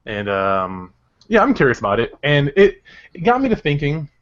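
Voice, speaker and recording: A man's voice: fairly high pitch, wildly swooping pitch, moderate pace. A man hosting a casual podcast chat, talking with a lot of hesitations while he steers the discussion. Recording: dull lo-fi audio.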